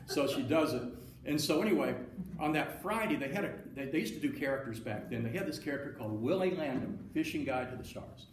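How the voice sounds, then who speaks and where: A man's voice: medium pitch, lively intonation, a little fast. A man with a drawl tells a long, folksy story to a room, slipping into the voices of the people in it. He stands well back from the mic, so the sound comes out roomy and distant, with a faint hiss behind it. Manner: folksy, anecdotal, acts out quoted dialogue. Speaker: seminar speaker. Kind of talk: storytelling talk to an audience. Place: meeting room with audience.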